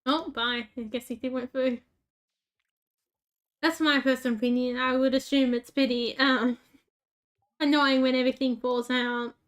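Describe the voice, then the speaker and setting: A woman with a rural Australian accent plays a game for her YouTube channel, chatting casually, rambling with fillers and mocking herself. Her voice is high and smooth with fairly even intonation, at a moderate pace with frequent pauses.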